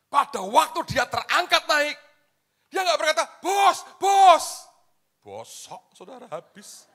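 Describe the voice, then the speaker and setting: High-voiced man preaching a lively sermon, dramatic and colloquial, talking straight to the congregation. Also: moderate pace, gravelly. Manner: dramatic, swings from loud shouts to hushed asides; colloquial, keeps addressing the congregation. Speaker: pastor.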